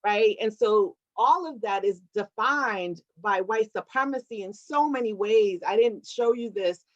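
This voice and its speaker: A woman's voice: mid-range voice, measured pace, highs cut off. A woman from Puerto Rico, an activist answering a question in a talk, earnest and reflective, often checking in with "right?". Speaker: award recipient, activist. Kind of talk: conversational answer in an online talk.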